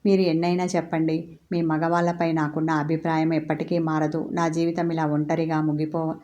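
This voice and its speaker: Brief: woman narrator doing a sharp-tongued young bride, low, mellow, flat delivery. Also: a little fast, muffled recording, lightly acted. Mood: bitter. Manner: sharp, scolding. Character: fiery young bride, bitter toward men. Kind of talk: storybook character voice.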